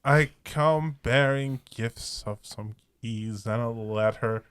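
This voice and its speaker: Courteous old gentleman, played by a man, clean voice. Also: mid-range voice, slow pace, smooth, dry recording, clean studio sound. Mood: polite, friendly. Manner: formal, courteous. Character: polite, theatrical old man with a cane.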